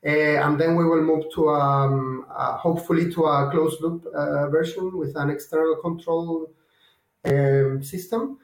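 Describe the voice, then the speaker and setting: A man with a Chilean Spanish accent, a guest engineer explaining a project haltingly, with many fillers and restarts. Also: on the high side, fairly even intonation, echoey room, poor audio. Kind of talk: technical interview.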